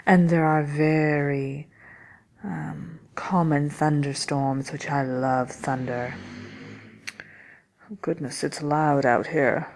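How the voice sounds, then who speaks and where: Woman as wicked storybook witch for ASMR roleplay: soft-spoken, gravelly, slow, dryly unapologetic. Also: low voice, fairly even intonation, a little hiss or hum. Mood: dry, matter-of-fact. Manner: unhurried, hesitant, dry, condescending "dearie". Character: haughty wicked witch of fairy tale, grumpy and unapologetic. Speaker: host of a question-and-answer show.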